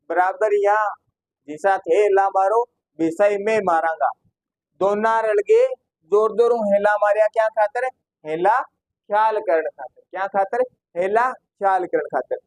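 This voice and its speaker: A man with a Rajasthani accent gives a classroom lecture in a fairly high voice. He fires quick questions at his students and answers them himself, dropping into local dialect as he goes. The sound is close and dry, with no room echo. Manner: slips into local dialect phrases. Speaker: exam-prep teacher.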